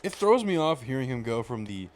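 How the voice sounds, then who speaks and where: A man's voice: medium pitch, sing-song, brisk, a little hiss or hum. A man playing a tabletop role-playing game, chatting casually about what his character does.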